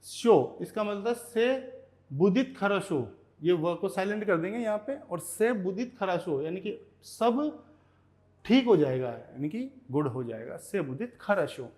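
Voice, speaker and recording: A man teaching Russian vocabulary in Hindi, repeating each word slowly and checking in with "okay" as he goes. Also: sits high, big pitch swings, darkish tone. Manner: repeats words slowly, often says "ठीक है". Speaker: language teacher.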